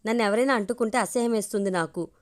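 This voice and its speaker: A woman's voice: a little high, very fast, natural voice. A woman reading a distressed young woman. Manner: urgent, upset. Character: young orphan woman, shy then distressed. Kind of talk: storybook reading.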